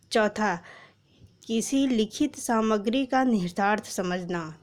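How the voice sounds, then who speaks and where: Woman teacher, exam prep lesson, fairly high voice, measured quiz reading. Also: a little mellow. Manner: measured, numbering each option, then announcing the answer.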